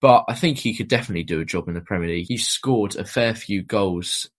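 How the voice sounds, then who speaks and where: Man, podcast panelist, very deep voice, measured, leans on "kind of". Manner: measured, lots of "I think" and "kind of". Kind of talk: casual fan podcast chat.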